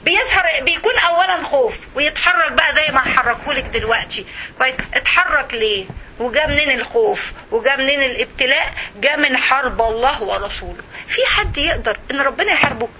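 A woman with an Egyptian accent giving an animated religious talk, acting out everyday scenes as she goes. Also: high voice, fast, rough recording. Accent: Egyptian Arabic. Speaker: religious speaker.

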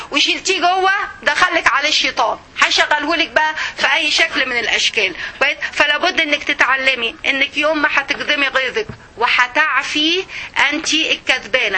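A middle-aged woman with an Egyptian accent giving an informal religious lesson, lively and conversational, speaking straight to her listeners. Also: high-pitched. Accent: Egyptian Arabic. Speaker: religious teacher.

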